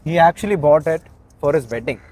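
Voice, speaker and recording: A man's voice: a little high, animated, quick pace, a little mellow. A man chatting casually as a guest, eagerly telling anecdotes and repeating his phrases. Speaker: car content creator, guest.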